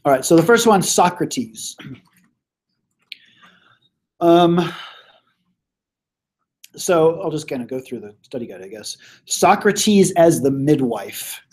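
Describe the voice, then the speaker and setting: A man teaching a review session in a classroom, with his voice a bit worn. He talks casually with lots of ums and likes, and keeps clearing his throat. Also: fairly high pitch, expressive, slow pace, pauses often, darkish tone. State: losing his voice.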